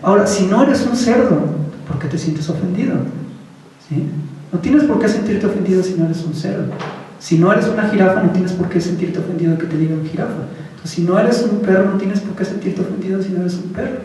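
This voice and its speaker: In an echoey hall, with the speaker far from the mic, a man with a high-pitched, slightly mellow voice offers a casual Buddhist teaching at a slightly fast pace. It's an informal dharma talk in which he converses with the audience and puts questions to them.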